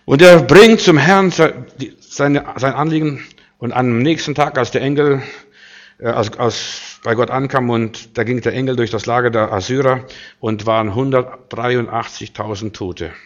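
A man preaching a sermon, emphatic and full of rhetorical questions, moving between loud declarations and quiet asides. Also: medium pitch, normal speed, lo-fi sound.

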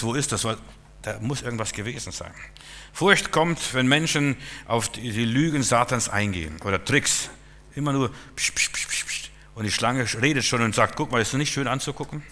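A man preaching a sermon in German, telling stories and swinging between hushed asides and loud declarations. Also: mid-range voice. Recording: long hall reverb.

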